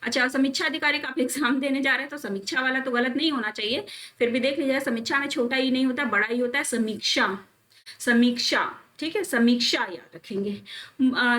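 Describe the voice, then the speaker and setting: A young woman teacher with a slightly raised voice runs an exam-prep spelling lesson. She calls out each word, then repeats it slowly several times. She coaxes her students along as she goes. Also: high-pitched, fairly bright tone. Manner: drills words by repeating them slowly; calls students friends and children, coaxing.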